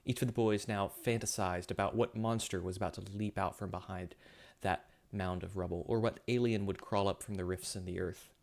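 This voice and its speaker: A man's voice: low voice, fairly even intonation, a little fast, darkish tone. A man reading his own science fiction story aloud, with occasional slips and self-corrections. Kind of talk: story narration.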